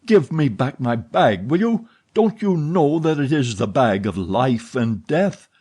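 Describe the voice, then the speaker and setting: A man reading an audiobook, voicing a jealous, menacing man who speaks forcefully and with menace. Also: mid-range voice, big pitch swings, measured pace, breathy edge, pitched above the performer's own voice. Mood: furious.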